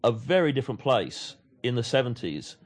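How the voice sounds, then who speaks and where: A man's voice: medium pitch, big pitch swings, moderate pace, husky. Rambling English-raised man on a podcast. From England. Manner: rambling, many restarts and repeated words. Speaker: comics writer guest. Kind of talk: casual podcast chat.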